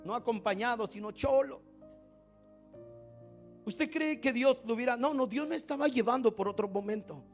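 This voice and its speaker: High-pitched guy preaching, quiet then fired up, keeps asking the church questions, bit of music behind. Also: normal speed, long pauses. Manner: preaching with rising emphatic bursts and acted-out quoted prayers; asks the congregation rhetorical questions. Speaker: pastor. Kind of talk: sermon.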